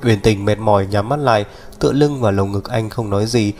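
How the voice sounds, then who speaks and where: Một người đàn ông đọc truyện audio, giọng đều đặn, kể chuyện theo kịch bản. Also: male voice, lowish voice, brisk, darkish tone. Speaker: audiobook narrator. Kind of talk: scripted narration. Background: faint music.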